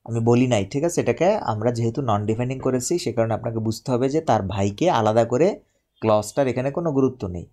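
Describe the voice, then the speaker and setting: A man teaching English grammar in a live online lesson, explaining slowly and repeating himself while checking that viewers follow. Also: medium pitch, dark tone. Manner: repetitive, explains step by step, asks viewers to confirm.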